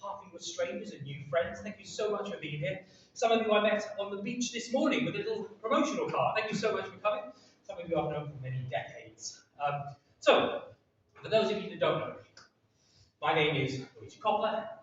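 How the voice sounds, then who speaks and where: A man's voice: high voice, expressive, fairly quick. A middle-aged man from England, a poet chatting with his audience at a live reading, joking and self-deprecating. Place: large seaside pavilion hall with audience. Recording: echoey hall, distant, dull and noisy.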